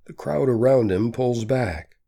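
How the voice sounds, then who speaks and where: A man reading a story aloud as an audiobook narrator, in a measured, steady manner. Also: medium pitch, creaky. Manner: slow, measured reading with quietly voiced quotes. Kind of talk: scripted narration.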